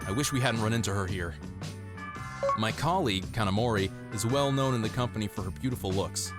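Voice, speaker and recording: This man's voice sits on the low side, a little fast and lightly acted, as he plays an earnest young office worker and devoted boyfriend who gets exasperated when provoked. He handles both narration and dialogue in a manga dub set to music.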